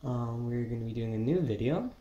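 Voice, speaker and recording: A man's voice: medium pitch, expressive, brisk, warm tone, lo-fi sound. Young American teenage guy, casual vlogger. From New Jersey, United States. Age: teens. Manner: casual, addressing viewers as guys. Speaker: fishing channel host. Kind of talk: casual vlog giveaway announcement.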